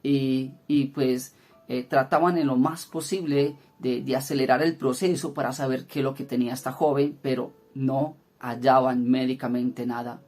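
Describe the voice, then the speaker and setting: A man speaks earnestly, recounting a healing testimony in the manner of a prayer group leader. His voice sits at an ordinary middle pitch, and he pauses often on hesitant fillers as he builds the story. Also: steady tone, a little mellow, soft background music. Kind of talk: spoken testimony teaching.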